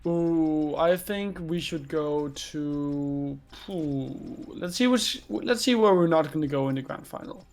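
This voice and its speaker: A man co-casting a live esports stream, musing aloud in relaxed chat. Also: on the high side, slow, hardly any pauses. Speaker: esports co-caster.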